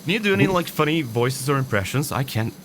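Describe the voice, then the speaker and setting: A man's voice: medium pitch, expressive, quick pace, noisy background. A man streaming and chatting playfully, self-deprecating, with a sore throat. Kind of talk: casual chat.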